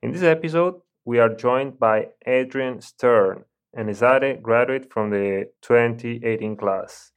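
A male podcast host who reads a scripted introduction and then asks his guest short questions. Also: mid-range voice. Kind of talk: interview hosting.

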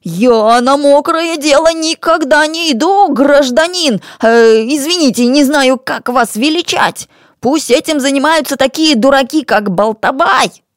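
A woman's voice: sits high, a little slow, no echo, clean studio sound, voice pushed up. A woman voicing a sly, cowardly ex-mullah of forty-two who fawns and stammers. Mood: pleading. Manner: fawning, stammering, pleading.

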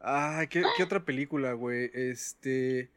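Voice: medium pitch, measured pace, fairly bright tone, no room sound. A Mexican speaker chatting casually with friends, slangy and opinionated, with lots of filler words. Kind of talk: casual chat among friends.

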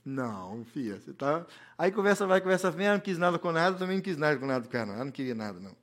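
A man's voice: on the high side, big pitch swings, rapid-fire, fairly bright tone. A man from preaching a humorous sermon, telling stories and acting out the dialogue. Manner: storytelling, acts out dialogue, jokes. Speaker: pastor.

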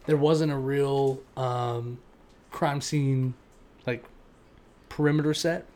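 Man, podcast co-host, casual storytelling, mid-pitched voice. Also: steady tone, slow pace, darkish tone. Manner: loose, swearing, storytelling with fillers. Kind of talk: casual chat.

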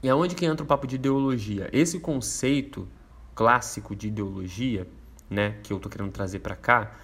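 A man's voice: mid-range voice, moderate pace, fairly bright tone, husky. A man with a Brazilian Portuguese accent hosting a casual explainer, laid-back and slangy, rambling with fillers. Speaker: host explaining a topic.

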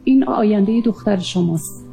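A woman recounting a near-death experience in an earnest, halting way, often pausing with fillers. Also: medium pitch, vocal fry, mellow, faint music behind. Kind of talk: emotional personal testimony.

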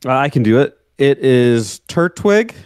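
A man co-hosting a casual gaming podcast, relaxed and explaining things while laughing along. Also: medium pitch, unhurried, a crowd in the background. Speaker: podcast co-host. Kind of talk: casual chat.

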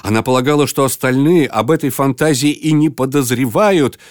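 A man hosting and narrating a children's book reading in an expressive manner. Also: mid-range voice, fairly quick, dry recording, studio quality. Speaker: storyteller host.

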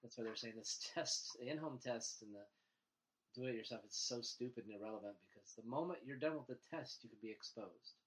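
A man who has the flu talks his way through a casual chat. He is chatty and sarcastic, laughing as he goes. His voice sits in a middling pitch. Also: a little fast, low-quality recording.

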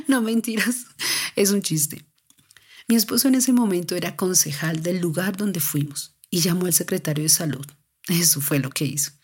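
A woman's voice: on the low side, breathy edge. A woman recounting a family story as a mother, earnest and confiding, speaking straight to the listener. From Colombia.

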